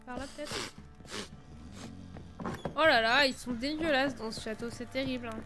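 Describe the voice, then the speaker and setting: A woman's voice: high voice, moderate pace. A woman chatting informally as she plays a game, reacting aloud and reading in-game text. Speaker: game streamer. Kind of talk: casual game commentary, reading in-game notices aloud. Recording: game music underneath.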